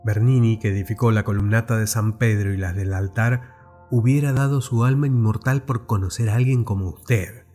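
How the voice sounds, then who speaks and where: A man narrating a story aloud in a measured, expressive reading. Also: fairly low pitch, faint music behind.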